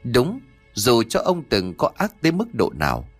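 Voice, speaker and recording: A man narrating a ghost story, reading with lively expression and voicing the characters' lines himself. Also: medium pitch, normal speed, breathy edge, soft background music.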